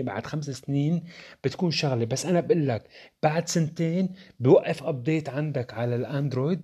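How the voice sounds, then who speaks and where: A young tech reviewer with a Levantine Arabic accent shares his opinions on phones, speaking directly to viewers in casual, rhetorical talk. His voice is medium-pitched and warm.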